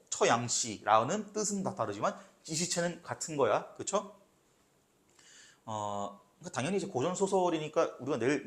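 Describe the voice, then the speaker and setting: Lively Korean lecturer, animated pitch. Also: male voice. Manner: explains step by step, often asks "right?". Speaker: literature teacher. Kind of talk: exam lecture.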